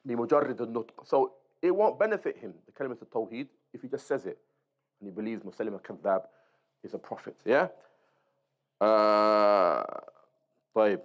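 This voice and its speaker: A man with a voice on the low side teaches an informal Islamic lesson briskly but with long pauses, reading aloud, explaining as he goes, and checking in with listeners via short tags. The recording sounds dull and lo-fi.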